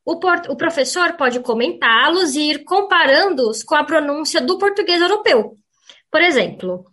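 A woman teacher on a radio program, clearly and didactically explaining pronunciation and saying example words aloud. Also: sits high, fairly bright tone. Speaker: language teacher.

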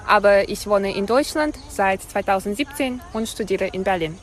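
A woman's voice: medium pitch, normal speed. Woman answering interview questions. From Russia. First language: Russian. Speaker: interviewee, master's student. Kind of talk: simple learner German interview.

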